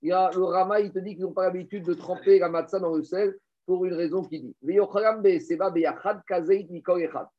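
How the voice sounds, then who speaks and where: In a dull, lo-fi recording, a high-voiced man teaches Torah briskly and with few pauses, mixing Hebrew terms into his French. Lively and step-by-step, he throws out rhetorical questions and addresses his audience as "Rabotai."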